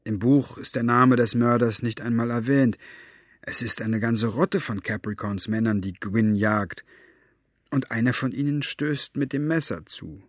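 Brief: worn-out dad, low and hushed, husky tone, a man reading the part. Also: measured pace, dry recording, clean studio sound, natural voice. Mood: weary. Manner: quiet, tired, grave. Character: weary, serious adult father. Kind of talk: audiobook character voice.

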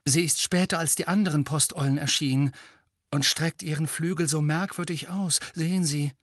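A man voicing an earnest, hurried teenage boy wizard in an audiobook. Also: fairly high pitch, fairly even intonation, dry recording, studio quality, voice pushed up, natural voice. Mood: urgent.

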